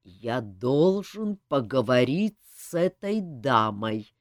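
A woman voicing a young prince, speaking low, gloomy and harsh. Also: very animated, takes it slowly, no room sound, clean studio sound, heavily acted. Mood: menacing. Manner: gloomy, then harsh and menacing. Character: gruff bastard prince, young man.

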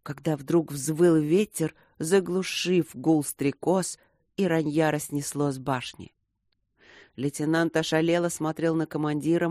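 A man narrating an audiobook in a measured way, slowing down at tense moments. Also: on the high side, a little mellow, no echo, studio quality. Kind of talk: scripted narration.

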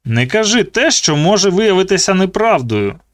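Raised-pitch jeering voice, sadistic grown man, mocking singsong, louder and pushy, a man putting him on, dry close recording. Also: sing-song, moderate pace, no echo. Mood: sneering. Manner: taunting, sneering, playful cruelty. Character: sadistic mocking male guard, adult. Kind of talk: audiobook character voice.

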